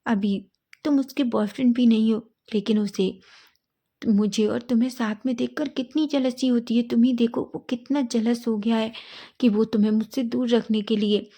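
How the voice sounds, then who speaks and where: A woman's voice: a little high, steady tone, normal speed, mellow. A woman narrating a story, reading each character's lines herself in a near-plain voice.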